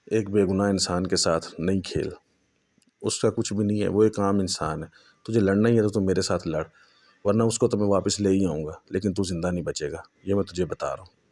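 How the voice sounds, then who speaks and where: A man's voice: sits low, a little mellow. A man voicing a powerful male jinn, stern and threatening as he speaks. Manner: threatening, scornful.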